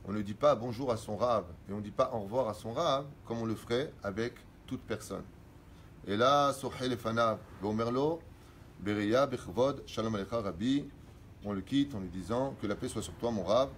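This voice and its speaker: Middle-aged rabbi teaching religious law. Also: male voice, medium pitch, slight background noise. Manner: reads Hebrew sources quickly, then explains in French.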